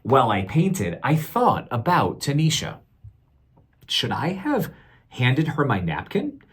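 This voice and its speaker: In a mid-range, slightly rough voice, a man reads a children's picture book like a teacher, with deliberate, expressive delivery and pauses to question his young audience.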